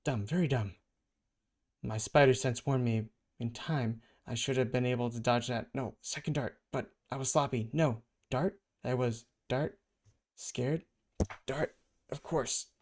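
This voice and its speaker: A man's voice: mid-range voice, a little slow, lightly acted. A man voicing a wry young male superhero from a comic who has been drugged, muttering his inner thoughts in a self-mocking way.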